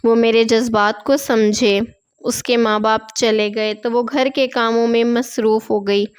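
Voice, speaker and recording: A woman reads a long tale aloud, her voice smooth and clear and set a touch above the usual pitch. She keeps a steady, gentle reading pace and folds the characters' lines into her own narration. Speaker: storyteller. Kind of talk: storybook narration.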